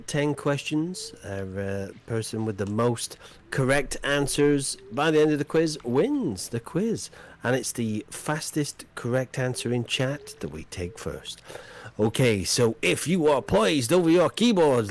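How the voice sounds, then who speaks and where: A man hosting a chat quiz on a live game stream, playful and teasing, with jokey asides between questions. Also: mid-range voice.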